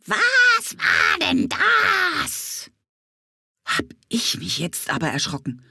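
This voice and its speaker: A woman voicing a cheeky, screeching male parrot in a children's audiobook, with a shrill, nosy manner. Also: huge pitch swings, extremely slow, gravelly, bright, forceful tone, slight background noise, full character voice. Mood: startled.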